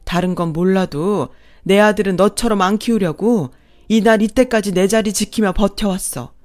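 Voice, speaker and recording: A woman voicing a long-suffering mother-in-law who speaks with a forceful, cutting, defiant manner. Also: mid-range voice, normal speed, natural voice. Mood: fierce.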